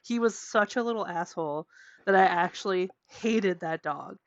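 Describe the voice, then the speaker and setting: A young adult woman co-hosting a podcast, telling a spooky personal story in a casual, animated way with lots of "like" and swearing. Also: mid-range voice, normal speed, dry recording. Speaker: podcast co-host. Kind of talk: casual chat. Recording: dry, dull lo-fi podcast audio.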